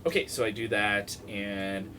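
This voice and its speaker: A man's voice: on the low side, measured pace. A man playing a tabletop game, casually describing his spell. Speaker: player. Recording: loud music behind.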